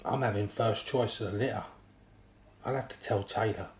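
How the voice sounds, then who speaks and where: A man voicing a cheeky, excitable young male soldier who talks in loud, jokey banter. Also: lowish voice, moderate pace, natural voice. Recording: roomy echo.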